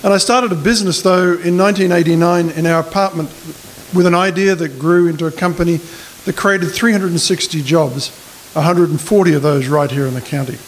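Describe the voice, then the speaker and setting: Standing at a lectern mic in a community hall, a political candidate addresses a public forum and then fields questions. He's a middle-aged man with an Australian accent, his voice on the high side and fairly quick, plain-spoken but prone to hesitant restarts during answers. A faint hiss is audible.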